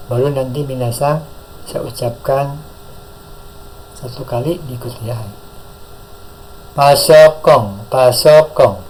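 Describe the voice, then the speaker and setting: A man with an Indonesian accent teaching a Japanese class, drilling words slowly and praising the learners often. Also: medium pitch, dark tone, rough recording. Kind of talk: classroom lesson with call-and-repeat drills.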